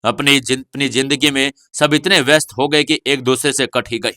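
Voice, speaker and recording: A man narrating a serialized audio novel in a steady storytelling manner. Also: medium pitch, moderate pace, no room sound, studio quality. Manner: steady storytelling, voicing every character.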